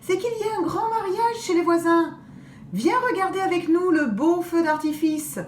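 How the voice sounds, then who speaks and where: A woman's voice: extremely high pitch, normal speed, reverberant, slight background noise, pitched above the performer's own voice. A woman voicing three mischievous little girls who coax and tease a wolf in a childlike tone. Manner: childlike, coaxing.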